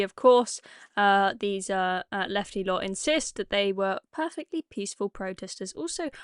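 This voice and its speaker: A woman's voice: medium pitch, a bit bright, clear, resonant tone, dry recording, clean studio sound. Sarcastic woman commentating. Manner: sarcastic, hesitant with many fillers. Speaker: online political commentator. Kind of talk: commentary over video clips.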